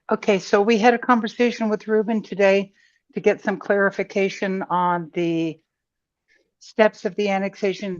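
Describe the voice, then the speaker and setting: Woman meeting member on a group voice call, low voice, dull lo-fi dry line, plain and a bit rambling. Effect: heard over a group online voice call. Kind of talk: casual explaining in a meeting.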